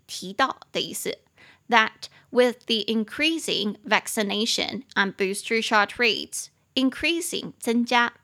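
A woman's voice: medium pitch, a bit bright. A young adult woman hosting a podcast English lesson, explaining vocabulary in Mandarin and spelling English words letter by letter. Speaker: English teacher and podcast host.

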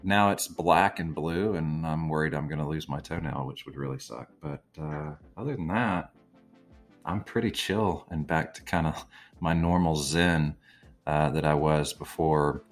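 A man with a very low voice hosts a relaxed podcast conversation. He rambles easily, filling gaps with ums and throwing in casual swearing. Faint music sits low behind him. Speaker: podcast host. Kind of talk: casual chat.

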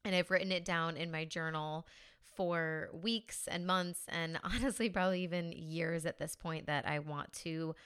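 A young woman from the United States hosts her own podcast in a relaxed, chatty monologue, upbeat and full of "like" and "you know." Her voice sits low for a woman and comes across smooth and clear. She talks as a mindset coach speaking to her listeners. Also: moderate pace.

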